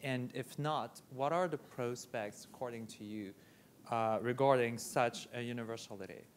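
A young male undergraduate asks a panel a carefully worded question. His phrasing is measured and formal, and his voice sits at a middle pitch. Faint background noise hangs under his voice. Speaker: undergraduate student asking a question.

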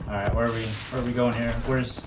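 A man's voice: mid-range voice, flat delivery, fast, noisy background. Laid-back young man commenting on gameplay. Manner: laid-back, joking asides. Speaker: gaming channel host. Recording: distant roomy mic, loud game gunfire. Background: loud gunfire and explosions.

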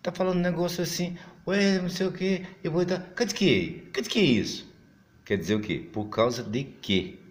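Animated, chatty man. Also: normal speed. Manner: animated, big pitch swings, mimics other voices; chatty, frequent fillers and restarts. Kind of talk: casual monologue to camera.

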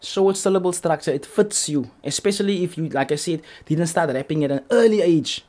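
A man's voice: on the high side, brisk, darkish tone. Emphatic man reacting. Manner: emphatic, repeats his points. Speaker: reaction video host. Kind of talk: casual commentary on a song.

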